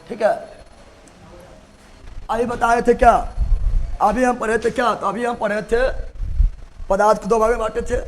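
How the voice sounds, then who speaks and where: A man teaching chemistry in a classroom, speaking in a high voice. He drills his students with constant repeated questions and answers, slipping into joking colloquial asides between points. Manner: repeats key words and quizzes the class again and again; colloquial, joking asides in a regional Hindi dialect. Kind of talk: classroom lecture with call-and-response questions. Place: classroom, also streamed online.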